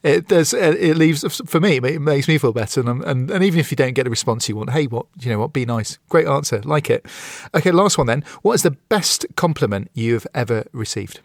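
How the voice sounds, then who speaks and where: A man's voice: a little high, animated, brisk, vocal fry, few pauses, dry recording, studio quality. A British man hosting a podcast interview, chatty and laughing easily, often restarting his sentences. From Britain. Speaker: podcast host. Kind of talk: casual interview chat.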